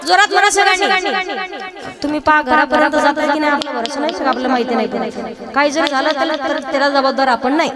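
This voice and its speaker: A woman's voice: high voice, fast talker. A woman preaching a devotional kirtan with a Marathi accent, singing lines and then leading the crowd in call-and-response with joking commands. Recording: live event with loud music and crowd. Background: loud harmonium, drums and crowd.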